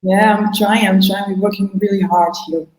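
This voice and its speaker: A Portuguese woman, a singer being interviewed, answers casually in English, hesitating, restarting phrases and laughing between answers. Her mid-range voice is a little mellow with fairly even intonation, and the room is echoey.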